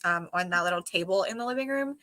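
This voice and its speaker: A woman talking from home in a casual livestream chat, her pitch swooping up and down. She giggles through her stories and fills them with "like," in a bright, sharp voice. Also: fast talker. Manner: animated and giggly, says "like" a lot. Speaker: co-host of reading sprints.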